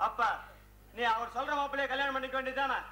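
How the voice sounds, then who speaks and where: A man's voice: extremely high pitch, fairly even intonation, fast, full character voice. A man playing an affectionate young lover who comforts and teases his sweetheart on a village stage. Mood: tender. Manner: tender, teasing, reassuring. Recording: echoey open-air stage with loud music.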